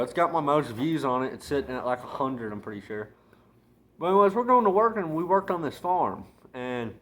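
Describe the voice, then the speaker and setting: A man's voice: mid-range voice, a bit bright. A young man rambling casually in a crude, slangy vlog style, talking with chewing tobacco packed in his lip. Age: young adult. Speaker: video blogger.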